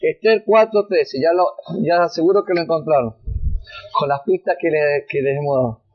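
A man with a high voice preaching a sermon to his congregation. He lifts his voice higher and louder when he reads the verses, with frequent restarts. The sound is dull and lo-fi. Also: moderate pace, slightly rough. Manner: rises in pitch and volume when reading scripture, many restarts.

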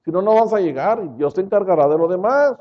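A man preaching a sermon, slowing down and rising for dramatic quotes. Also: sits high, animated, lo-fi sound.

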